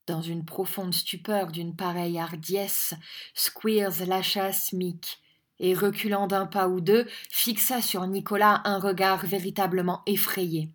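A woman narrating an audiobook with a measured, expressive reading. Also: on the low side.

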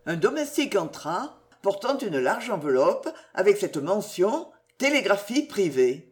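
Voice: medium pitch, big pitch swings, a little slow, darkish tone. A reader narrating a classic novel with dramatic, varied intonation. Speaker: audiobook narrator. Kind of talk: expressive literary narration.

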